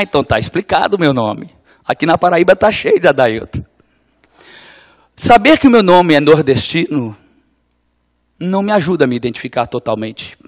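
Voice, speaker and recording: Brazilian male preacher, voice a touch high, thoughtful and chatty, dry wit. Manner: reflective, conversational, with wry humor. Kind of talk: gospel teaching talk.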